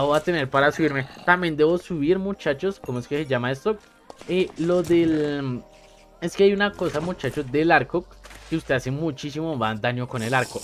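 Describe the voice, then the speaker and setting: Guy doing lets-play commentary, chatty and excitable, voice sits a bit high, faint music behind. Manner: chatty, excitable, addresses viewers directly. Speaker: gamer.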